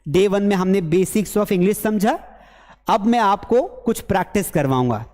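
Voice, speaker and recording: A man with a notably high voice runs an online spoken English lesson and keeps it lively and teasing. He playfully acts out the mistakes his learners make. His voice carries a long hall reverb. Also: a little slow. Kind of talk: online class lecture.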